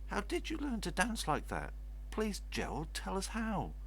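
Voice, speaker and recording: A man voicing excitable, blunt jungle animals as exclaiming storybook characters. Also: high voice, measured pace, gravelly, a little hiss or hum, voice pushed up, full character voice. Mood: amazed.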